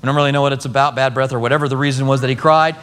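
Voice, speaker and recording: A man's voice: medium pitch, rapid-fire, long reverb tail. A middle-aged man preaching a sermon as pastor, telling stories with humor. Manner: animated storytelling with humor.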